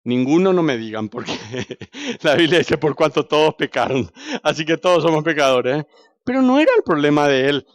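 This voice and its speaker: A man with a Paraguayan accent preaching a sermon, telling stories animatedly, swinging from loud to hushed and asking the congregation questions. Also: a little high, sing-song, moderate pace, no echo. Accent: Paraguayan Spanish.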